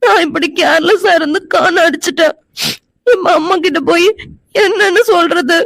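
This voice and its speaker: A woman voicing a feisty, high-voiced cartoon girl. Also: moderate pace, vocal fry, fairly bright tone, no room sound, clean studio sound, heavily acted. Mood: tearful. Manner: accusing and tearful. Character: feisty young woman, then tearful.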